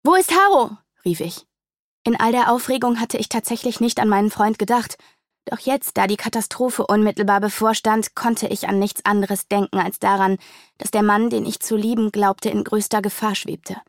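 A woman's voice: medium pitch, level tone, normal speed, no room sound, clean studio sound. A woman reading a fantasy novel aloud in a dramatic, vivid storytelling manner. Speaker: audiobook narrator. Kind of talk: scripted fantasy narration.

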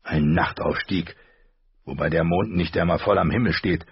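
A man voicing a blunt, sharp-tongued older male knight who talks brusquely. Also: deep voice, normal speed, husky, no room sound, dull audio, exaggerated voice. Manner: brusque and outspoken.

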